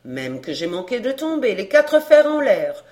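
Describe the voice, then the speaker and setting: A flustered old servant woman bursts out her story in a loud, breathless, scolding voice, as a woman reads her. Her voice sits a little high. The storybook feel stays plain and spoken. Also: very animated, normal speed. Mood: agitated. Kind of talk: audiobook character reading.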